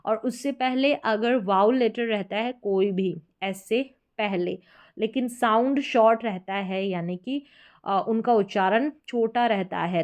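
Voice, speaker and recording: Woman, English pronunciation lesson, slow word drilling, questions to viewer. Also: mid-range voice. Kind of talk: classroom-style lesson explaining spelling rules.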